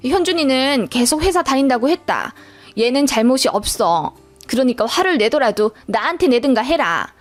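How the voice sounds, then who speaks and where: Storybook read: a woman voicing a high, swooping, scolding mother-in-law in her 60s, defensive and lecturing. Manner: scolding, lecturing in informal speech. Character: sharp-tongued older Korean mother-in-law, defensive and scolding.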